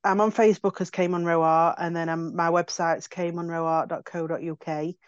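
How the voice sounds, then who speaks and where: A friendly, relaxed woman guest, an artist, chatting about herself. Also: fairly low pitch, a little fast, smooth, no room sound. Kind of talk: casual chat. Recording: dull phone call.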